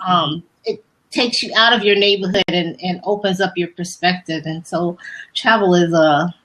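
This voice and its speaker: Woman interview host, bright forceful voice, casual chat, many restarts. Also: on the low side, steady tone, moderate pace, rough recording. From United States. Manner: warm faith-based storytelling with many restarts.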